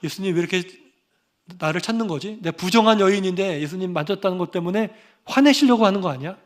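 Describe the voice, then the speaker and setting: A man's voice: sits high, lively intonation, fast. A man voicing a fearful ailing woman muttering her worries to herself. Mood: worried.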